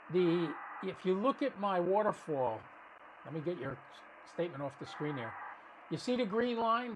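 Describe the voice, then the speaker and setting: Over background noise, a man with a high-pitched voice hosts a ham radio livestream, offering casual running commentary. He thinks out loud, explains things along the way, and frequently starts his sentences over.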